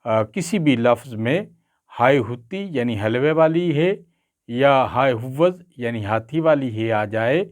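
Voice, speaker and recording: A man teaching Urdu pronunciation, carefully drawing out each word with frequent pauses. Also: medium pitch. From Pakistan. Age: older. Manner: careful, drawn-out enunciation with frequent hesitation sounds. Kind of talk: slow, deliberate pronunciation lesson.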